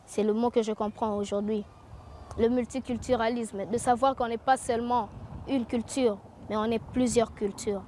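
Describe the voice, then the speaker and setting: Young woman student talking calm, pretty flat, soft mellow tone. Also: a little high, moderate pace, a little hiss or hum. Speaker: newcomer student interviewee. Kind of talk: documentary interview.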